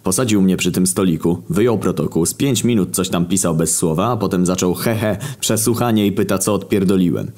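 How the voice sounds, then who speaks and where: A man telling a comic story in a casual, deadpan way, full of slang and swearing. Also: sits low, brisk, few pauses.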